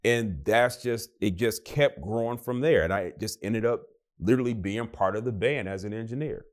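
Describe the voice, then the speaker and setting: A man's voice: on the low side, moderate pace. A young adult man telling his story in a casual interview, acting out the voices of the people in it. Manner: animated, acts out quoted voices. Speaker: guest.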